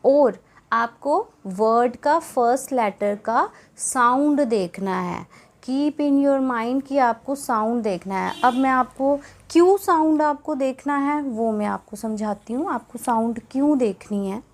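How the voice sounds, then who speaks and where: An Indian woman teaching grammar with an Indian English accent, her voice a touch higher than most. She talks slowly and patiently, repeating each point and switching easily between Hindi and English. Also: lively intonation. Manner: patient, repetitive explaining, mixing Hindi and English. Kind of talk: classroom grammar lesson.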